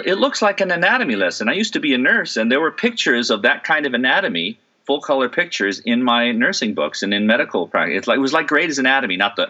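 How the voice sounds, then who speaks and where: In a muffled recording, a middle-aged man who acts on stage and in voice work speaks at a medium pitch with a sharp tone. He talks through a relaxed interview thoughtfully, with plenty of fillers and restarts.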